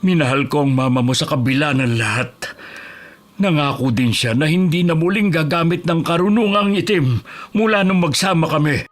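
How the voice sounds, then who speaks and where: An actor playing a stern middle-aged father who calmly counsels his son, in a horror radio drama. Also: on the high side, moderate pace, close to an everyday voice. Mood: grave. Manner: calm, counseling.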